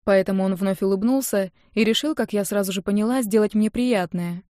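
Woman narrator, first-person audiobook, mellow warm tone, dry close mic. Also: mid-range voice, a little fast, dry recording. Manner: lively, indignant when quoting herself.

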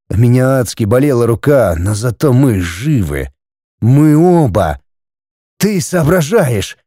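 A man narrating a first-person audiobook in a dramatic, expressive reading. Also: medium pitch, no room sound, clean studio sound.

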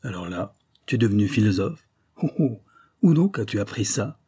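A man's voice: medium pitch, normal speed, dark tone, breathy edge, no room sound, studio quality, natural voice. A man doing a smug, leering police chief. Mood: mocking. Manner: smug, mocking.

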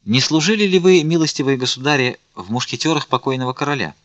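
A man's voice: medium pitch, lively intonation, quick pace, fairly bright tone, no room sound, highs cut off, pitched above the performer's own voice, natural voice. A man reading a young, courteous royal army officer in an audiobook, polite and formal.

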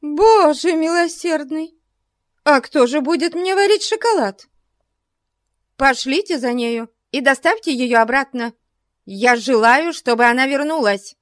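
A woman's voice: high voice, expressive, unhurried, dry recording, clean studio sound, voice pushed up. A woman voicing a hysterical, imperious rich old spinster who shrieks at her companions. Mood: furious.

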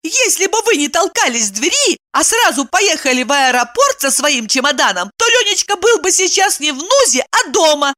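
A woman narrator voicing a shrill, hot-tempered married woman in dramatic, shrieking outbursts. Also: moderate pace, pushed and bright. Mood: hysterical.

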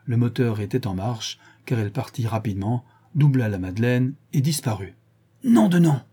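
Husky dark-voiced male narrator. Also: mid-range voice. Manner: measured storytelling. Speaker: audiobook narrator. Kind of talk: scripted narration.

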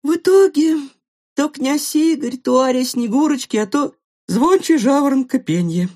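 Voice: high-pitched, animated, normal speed, darkish tone, voice pushed up. A storyteller voicing an indignant schoolboy music student who complains in a mocking tone. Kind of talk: storybook reading.

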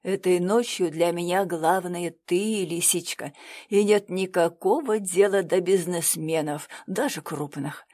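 Woman doing a calm, deep-voiced cop. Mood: soft, playful. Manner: calm, unhurried, teasing. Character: calm deep-voiced male police officer, adult.

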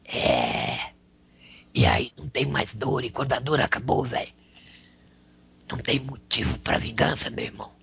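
A man channeling a male spirit who preaches in a slangy, raspy whisper, tagging lines with rhetorical questions. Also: mid-range voice, wildly swooping pitch, moderate pace, pauses often, a bit bright, heavily acted. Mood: preaching. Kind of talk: spiritual counsel.

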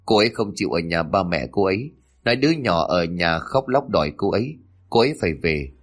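A man voicing a devoted young husband who speaks gently and pleads, in a storybook reading. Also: deep voice, animated, fairly quick. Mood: gentle.

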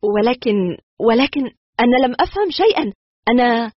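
A man's voice: extremely high pitch, lively intonation, fast, husky, dry recording, highs cut off, pitched above the performer's own voice, heavily acted. A man reading a story aloud, voicing a wary and indignant young woman who stammers and fires off suspicious questions.

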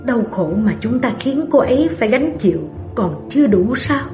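A woman's voice: a little high, normal speed, reverberant, over music, natural voice. A woman voicing a cold, guilt-ridden young husband who speaks curtly and brokenly. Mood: anguished. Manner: curt and flat, breaking into anguish.

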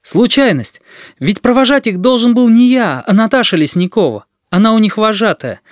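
Man doing a high, ringing schoolboy voice, earnest and outspoken, for a storybook reading. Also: very animated, normal speed, no echo, studio quality. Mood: indignant. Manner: eager, increasingly loud and ringing.

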